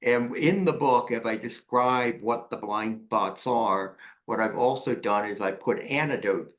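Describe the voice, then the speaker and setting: A man's voice: medium pitch, unhurried. Explanatory male therapist guest. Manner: explanatory, lively, acts out examples. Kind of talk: conversational interview.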